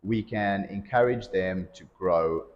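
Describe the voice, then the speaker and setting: Low-voiced man coaching, echoey lo-fi sound. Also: slow pace. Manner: projecting, expressive coaching voice. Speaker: CrossFit coach. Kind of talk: casual podcast chat. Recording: lo-fi audio in reverberant room.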